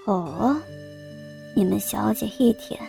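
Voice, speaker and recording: A woman voicing a teasing young male scholar, speaking low in a breathy half-whisper. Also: lively intonation, slow pace, dark tone, faint music behind, full character voice. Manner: sly and teasing. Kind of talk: storybook role-play.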